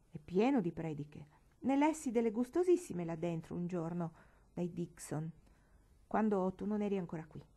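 A woman's voice: lowish voice, mellow. A woman voicing an eager, mischievous boy in a storybook reading, with rising, exclaiming speech. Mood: scheming.

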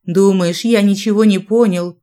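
A woman's voice: medium pitch, steady tone, moderate pace, mellow, natural voice. A woman voicing a scornful, mocking rich older husband in an audiobook. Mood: sneering. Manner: sneering, taunting.

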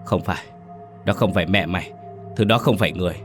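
A man's voice: low-pitched, fast, faint music behind, natural voice. A man voicing a stern, protective old grandmother in a spoken horror story. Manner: stern, scolding.

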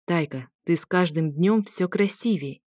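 Woman reader doing a teasing young husband; low, unhurried, coaxing. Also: a little mellow, no echo, studio quality. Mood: affectionate.

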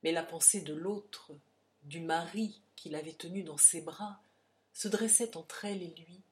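A woman narrating a romantic novel as an audiobook, emotive, with hushed passages. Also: fairly low pitch, unhurried. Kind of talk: dramatic audiobook reading.

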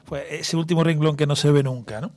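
A man's voice: on the high side, fairly even intonation, a little fast, darkish tone, dry recording. A man with an Andalusian Spanish accent hosting a radio interview, musing in long, meandering sentences full of tag questions. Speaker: radio host.

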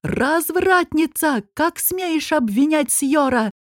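A woman's voice: high voice, expressive, slow pace, dry recording, studio quality, voice pushed up. A woman voicing a huge hot-tempered male king who bellows with scorn. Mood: raging.

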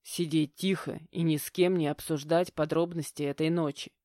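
A woman's voice: deep voice, fairly even intonation, normal speed, mellow, no room sound, clean studio sound, natural voice. A woman reading an audiobook voices a stern, grumbling middle-aged stepfather who speaks curtly. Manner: grumbling, curt, commanding. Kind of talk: audiobook character voicing.

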